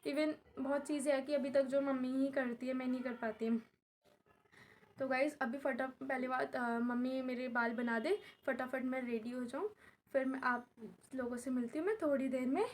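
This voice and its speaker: Talking at normal speed in a high-pitched, fairly even voice, this young vlogger and tuition teacher chats to camera at home as her mother does her hair. She's unwell and in pain, repeats herself a lot, and addresses viewers as "guys."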